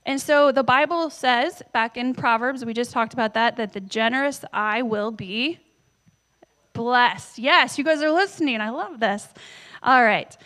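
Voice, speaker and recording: Woman pastor in her thirties with a slightly high voice, preaching chattily to her church and quizzing the crowd. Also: unhurried, pushed and bright. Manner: conversational, tells family stories, asks the audience questions. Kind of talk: sermon. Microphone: handheld microphone.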